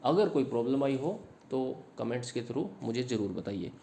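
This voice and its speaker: A man who teaches English literature, explaining a sonnet in Hindi to students and reading English lines slowly. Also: mid-range voice, lively intonation, dark tone, slight background noise. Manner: explains in Hindi, slow English phrases read aloud; addresses students directly. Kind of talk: Hindi lecture on an English poem.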